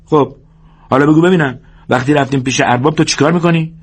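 A man voicing an exasperated, bossy but protective ranch hand in an audiobook, speaking in a high, raised, scolding voice with a husky edge. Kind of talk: audiobook character voice.

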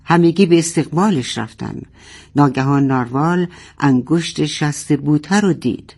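A woman's voice: low voice, darkish tone. A woman reading a children's story aloud expressively and speaking fondly to her young listeners.

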